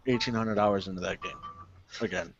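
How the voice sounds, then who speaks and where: A man's voice: on the low side, steady tone, brisk, vocal fry, faint music behind. A man chatting casually on a podcast, swearing and laughing as he rambles. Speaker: podcast co-host. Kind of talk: casual chat. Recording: dull lo-fi sound.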